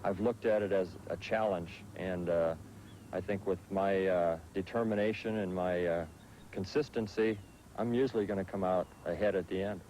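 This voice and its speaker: A professional baseball pitcher in his thirties, from the Netherlands but raised in Southern California, answers interview questions in a relaxed way, using frequent fillers. He talks at normal speed on poor audio with slight background noise.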